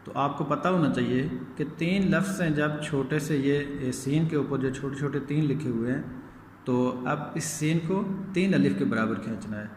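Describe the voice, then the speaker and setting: Patient man teaching in an echoey room. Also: mid-range voice. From Pakistan. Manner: patient, repeats checks, draws out letter sounds in chanted recitation. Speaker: Quran reading teacher. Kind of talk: recorded lesson for young children. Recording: echoey room with long reverb, faint hiss.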